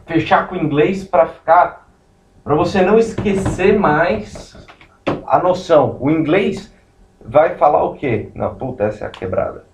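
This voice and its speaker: A man's voice: on the high side, animated, measured pace, noisy background. A man giving a law lecture, explaining step by step with many digressions as he writes on a board. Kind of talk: recorded classroom lecture. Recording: roomy, distant, muffled lecture recording.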